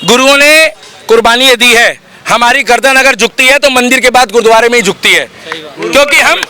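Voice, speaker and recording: A man giving his opinion in a heated street debate, forceful and argumentative, talking over others. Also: very high-pitched, expressive, fairly quick, background noise. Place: busy city street outdoors.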